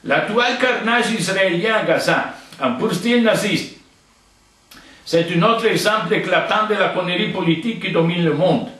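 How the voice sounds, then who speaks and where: An older man who grew up speaking Italian reads an open letter for a video, bluntly and indignantly, in an Italian accent. His voice sits high and a bit bright at normal speed, and the recording sounds echoey and distant from the mic.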